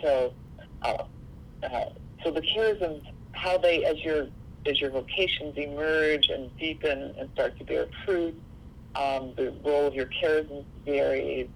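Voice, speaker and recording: Woman, low gravelly voice, earnest, reflective, interview guest, faint background noise. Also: measured pace, rough recording. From Seattle, USA. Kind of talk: interview conversation.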